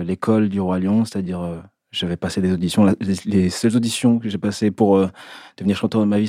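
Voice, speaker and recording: Low, mellow-voiced man telling his story. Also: dry recording, studio quality. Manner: reflective, pausing often to search for words. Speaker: actor, interview guest. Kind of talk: personal storytelling in an interview.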